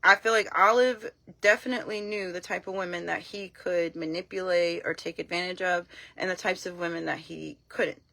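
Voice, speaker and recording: A woman talking casually on a live stream, frank and blunt, telling her story in an animated way and acting out what people said. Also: on the low side, normal speed, vocal fry, few pauses, no room sound. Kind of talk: casual talk to camera.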